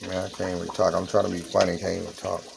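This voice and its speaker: A man's voice: sits low, monotone, fast, vocal fry, heavy background noise. A man, chatting playfully through a casual home cooking vlog in his kitchen. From Southern United States. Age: 40s. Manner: playful, repetitive exclamations. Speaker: home cook, channel host. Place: home kitchen with countertop fryer.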